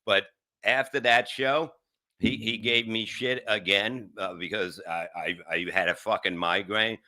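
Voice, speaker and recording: Bright-voiced stammering man ranting. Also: lowish voice, steady tone. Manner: profane, halting, stammering rant. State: in pain. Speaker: comedian and show regular. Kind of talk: casual talk.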